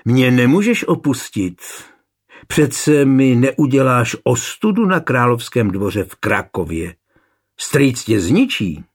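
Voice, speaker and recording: A man with a husky voice reading the lines of a spoiled noblewoman pleading with her husband in an audiobook. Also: mid-range voice, sing-song. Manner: pleading, emotional. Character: spoiled noblewoman, wife, pleading then defiant.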